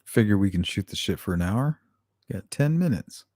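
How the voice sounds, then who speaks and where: A man with a lowish, mellow voice hosts a relaxed late-night stream. He teases his viewers, jokes, and swears casually. The sound is close and dry, with no room echo. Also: normal speed. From Arizona. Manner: joking, teasing, profane. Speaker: live stream host.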